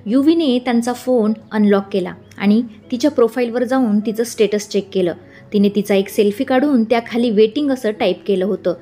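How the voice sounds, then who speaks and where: Woman reading a love story out loud, steady calm pace, little bit of music under it. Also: fairly high pitch, a little fast. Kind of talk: scripted story narration. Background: faint background music.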